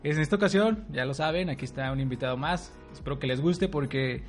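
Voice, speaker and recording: A man's voice: medium pitch, brisk, soft background music. A man with a northern Mexican accent co-hosting a podcast in casual, slangy chat, joking and laughing a lot. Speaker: podcast co-host.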